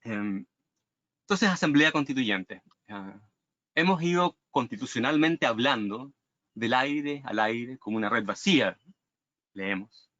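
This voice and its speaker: A man's voice: medium pitch, pushed and bright, no echo, muffled recording. A man reading prepared commentary on a book in a formal, literary way, asking rhetorical questions.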